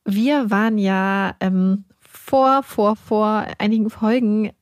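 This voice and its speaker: A woman's voice: mid-range voice, fairly even intonation, slow, no echo, studio quality. A woman chatting casually as a podcast host. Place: lying in bed in a small holiday house.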